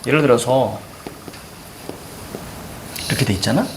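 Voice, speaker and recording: A man's voice: mid-range voice, unhurried, background noise. A male teacher giving a classroom lecture, often checking in with his students with short questions. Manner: lively, questioning, tags checks like "그치?". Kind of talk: classroom lecture on Korean poetry. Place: classroom with a blackboard.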